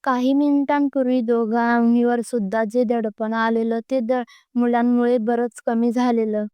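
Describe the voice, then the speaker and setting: Clear-voiced woman reading a story. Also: fairly high pitch, level tone, unhurried, no room sound, muffled recording. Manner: plain reading with restarts. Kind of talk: storybook narration.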